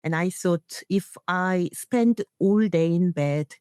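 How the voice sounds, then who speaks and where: Her voice sits on the low side, slow, warm and smooth, captured cleanly in the studio without any room sound. A middle-aged woman and non-native English speaker, she is an internationally trained nurse and leader speaking earnestly about her own experience as an interview guest, with non-native phrasing.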